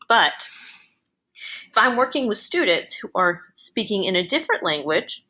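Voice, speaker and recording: A woman narrating an explanatory software tutorial as an educator. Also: mid-range voice, low-quality recording.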